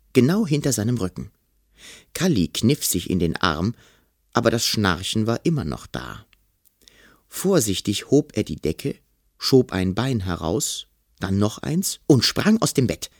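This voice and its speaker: Lively male storybook narrator. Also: lowish voice, measured pace, dry recording, clean studio sound. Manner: expressive, acts out scenes. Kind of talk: children's storybook reading.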